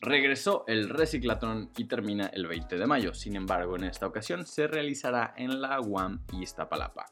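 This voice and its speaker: A Mexican man presents scripted podcast news in a very animated voice, with music underneath. He hits phrase openings with emphasis and lets the endings fall, keeping the wording casual. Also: lowish voice, moderate pace, few pauses.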